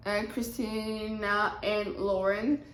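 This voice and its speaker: A woman's voice: mid-range voice, little pitch movement, slow pace, a bit bright, slight background noise. A young woman chatting casually as a book vlogger, rambling and often breaking off mid-sentence. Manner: rambling, chatty, self-interrupting. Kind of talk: casual chat. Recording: roomy echo.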